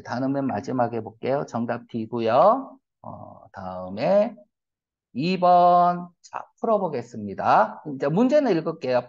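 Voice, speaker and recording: Lively-pitched male teacher, dull lo-fi audio. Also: creaky. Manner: asks rhetorical questions, blunt slangy asides. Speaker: English reading teacher. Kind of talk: classroom lecture on reading comprehension. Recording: dull lo-fi lecture recording.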